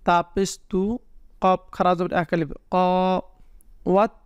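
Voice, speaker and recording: A man teaching a prayer to viewers, spelling out the Arabic letters slowly and patiently with a Bangladeshi Bengali accent. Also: sits high, level tone, smooth, no echo. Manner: slow, patient spelling of Arabic letters, drawn-out chanted recitation. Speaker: religious teacher.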